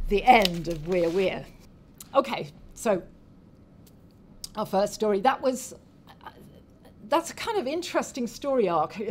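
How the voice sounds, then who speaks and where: A woman speaker retelling a folk tale in a talk, unhurried and halting, often restarting her phrases. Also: medium pitch, a little hiss or hum. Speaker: anthropology speaker.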